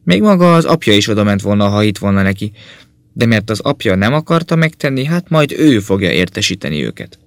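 A man narrating an audiobook in a calm, measured reading voice. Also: on the low side, dry recording.

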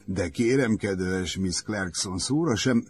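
A man voicing a suave young gentleman with a monocle, courtly, mock-formal and unflappable. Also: low voice, husky.

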